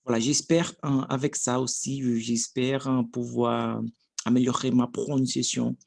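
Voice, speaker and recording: In clean studio sound with no echo, a thirty-something man from Brazil practices a learned language casually, unhurried and hesitant, often restarting as he searches for words. His Brazilian Portuguese accent colors a medium-pitched, a little mellow voice with vocal fry and little pitch movement.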